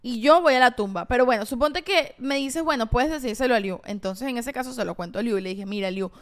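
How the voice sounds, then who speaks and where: A woman's voice: on the high side, quick pace. A woman co-hosting a podcast, talking in an emphatic, opinionated casual way. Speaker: podcast co-host. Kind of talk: casual chat.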